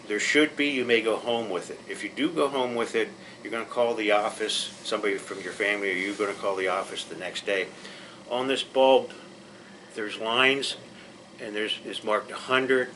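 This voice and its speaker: A man's voice: medium pitch, sharp tone, a little hiss or hum, poor audio. A man teaching a pre-surgery class, explaining things in a plainspoken, reassuring way with frequent restarts. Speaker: patient educator.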